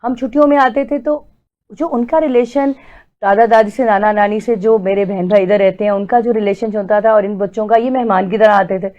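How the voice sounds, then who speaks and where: A woman's voice: medium pitch, fairly even intonation, mellow, lo-fi sound. A woman in her forties, a doctor and interview guest, chatting casually and explaining with everyday examples, slipping English words into her talk. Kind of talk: casual chat.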